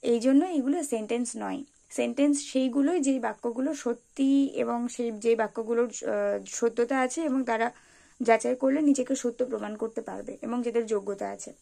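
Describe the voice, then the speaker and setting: High-voiced woman teaching slowly, gravelly edge. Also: warm tone. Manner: slow, careful spelling out of example words. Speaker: English teacher. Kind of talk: explanatory tutorial lesson.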